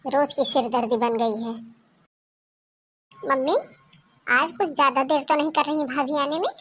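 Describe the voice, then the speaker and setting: A woman's voice: high voice, fairly even intonation, unhurried, a bit bright, a little hiss or hum. A woman voicing a caring young daughter in a cartoon who speaks up for her sister-in-law in an earnest, persuasive way. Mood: puzzled. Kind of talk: Hindi cartoon voice acting.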